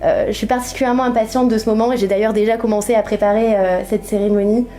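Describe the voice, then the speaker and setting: A woman's voice: a little high, steady tone, fast, dark tone, faint music behind. A young woman giving a personal testimony, speaking in an earnest, reflective way and searching for her words. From France. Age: young adult. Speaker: wife giving a faith testimony.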